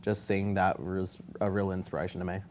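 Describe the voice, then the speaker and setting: A man's voice: sits low, flat delivery, brisk, a little mellow. An Australian man chats casually as an interviewed drag performer, emphatic, irreverent and gushing. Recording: faint background noise and ambience.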